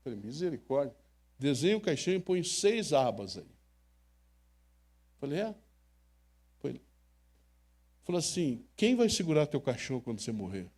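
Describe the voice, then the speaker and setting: An older Brazilian pastor preaches an emotional sermon in a church sanctuary, sharing personal stories and addressing the congregation directly. His fairly high, slightly mellow voice swings widely in pitch, moving at a moderate pace with long pauses.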